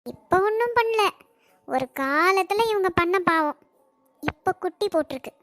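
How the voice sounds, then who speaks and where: A woman's voice: very high voice, animated, a little slow, fairly bright tone, no echo, studio quality, soft background music, heavily acted. A woman voicing a bitter, defiant young granddaughter in an amateur cartoon, with a Kanyakumari Tamil accent and a curt, resentful manner.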